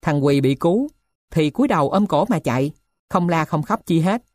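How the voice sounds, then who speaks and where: A woman narrating a novel in an even, measured reading. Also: low voice, no room sound, clean studio sound.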